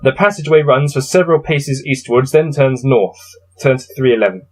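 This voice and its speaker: A man with a mid-range, brisk voice hosts a casual gamebook playthrough, reading passages aloud and dropping in wry, self-deprecating remarks.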